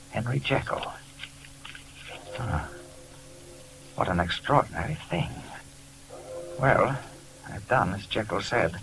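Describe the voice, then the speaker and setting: Stern doctor, medium pitch with wide swings, formal, on a noisy old radio drama recording. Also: male voice, heavily acted. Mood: puzzled. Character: stern, alarmed gentleman doctor and father. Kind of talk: 1940s radio drama acting.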